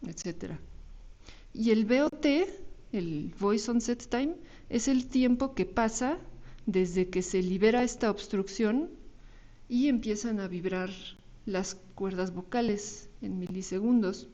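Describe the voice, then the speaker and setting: In a recorded slide-based university lecture, a woman with a Mexican Spanish accent patiently explains the material, regularly adding tag questions and small restarts. She speaks slowly in a warm, mid-range voice.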